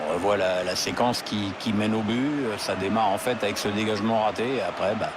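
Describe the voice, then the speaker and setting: A man's voice: on the low side, a little fast, background noise. A man analysing play as co-commentator in a football video game. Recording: loud stadium ambience behind voice.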